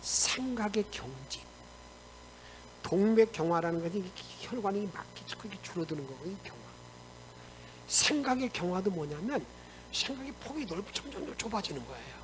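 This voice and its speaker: A male pastor preaches with a lively, high-pitched voice, acting out the characters' angry words and questioning his listeners as he goes. A faint hum sits beneath him. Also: normal speed, rough recording. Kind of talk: lively Sunday sermon. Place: church sanctuary.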